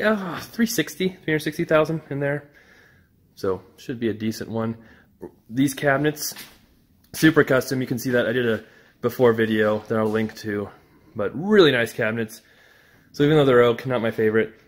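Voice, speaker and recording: A man walking through a half-renovated house with a handheld phone, casually narrating what he sees. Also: medium pitch. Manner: relaxed, offhand, thinking aloud with small restarts. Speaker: real estate investor giving a house tour. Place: empty house under renovation, indoors and out.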